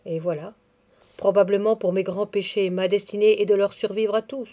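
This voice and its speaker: A woman's voice: mid-range voice, fairly even intonation, normal speed, lightly acted. A woman reading the part of a devout, grieving elderly nursemaid, speaking tenderly and confidingly. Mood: mournful. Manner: tender, pious, softly confiding.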